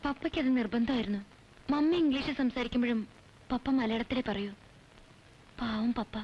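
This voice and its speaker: A woman's voice: on the high side, normal speed, darkish tone, a little hiss or hum, natural voice. An actress playing a polite young woman raised in Bombay, an outsider who apologizes and slips English words into her speech. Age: young adult. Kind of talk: 1980s film drama. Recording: dull lo-fi film soundtrack.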